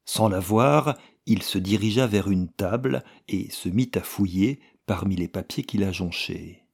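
Slow, husky male storyteller. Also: low-pitched. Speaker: narrator. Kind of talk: literary story reading.

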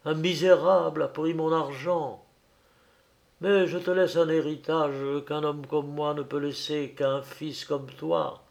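Guy doing a dying old dad, slow grave creaky voice, swears vengeance. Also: a little high, flat delivery. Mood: solemn. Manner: grave, measured, rising to fervent curses.

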